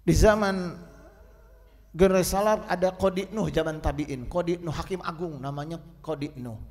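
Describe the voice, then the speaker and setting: A man preaching a Friday sermon in rhythmic, rhyming lines that swing from loud to soft. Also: on the high side, moderate pace. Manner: rhythmic rhyming oratory with sharp swings in loudness. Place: mosque hall. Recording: echoey mosque hall sound.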